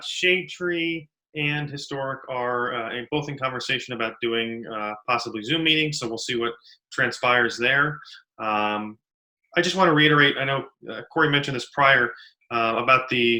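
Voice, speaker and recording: A man council member giving a measured, somewhat hesitant report over a video call. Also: medium pitch, pushed and bright, poor audio.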